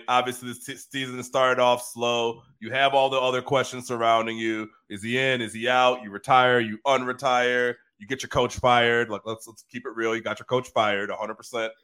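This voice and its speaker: A man co-hosting a sports podcast, talking in casual, animated, profane banter, often laughing. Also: mid-range voice, normal speed, clean tone.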